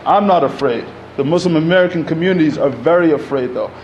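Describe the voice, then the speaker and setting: Fast and a little high, with a darkish tone, a man in his thirties from Egypt addresses a community event from a podium mic as a panel speaker. He's conversational, gesturing and full of "you know" and "like," and the audio has cut-off highs plus a little hiss or hum.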